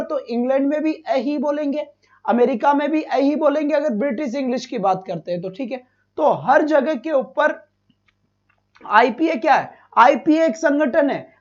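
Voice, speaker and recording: A man's voice: extremely high pitch, highs cut off. A man teaching a live online exam-prep lesson, asking his students questions, repeating each one and fondly calling them "beta".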